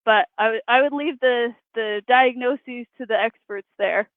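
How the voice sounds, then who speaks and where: A woman's voice: a little high, a little slow, no room sound. A woman arborist answering interview questions, explaining in a matter-of-fact way over remote call audio. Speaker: arborist guest. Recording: tinny dry phone-like line.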